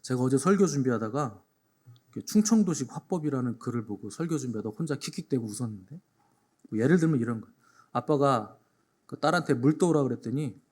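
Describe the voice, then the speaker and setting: A man's voice: mid-range voice, lively intonation, quick pace, a little mellow. Emphatic male pastor preaching. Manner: emphatic, repeats key phrases, tells jokes in dialect. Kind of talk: Sunday sermon. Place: church before a congregation.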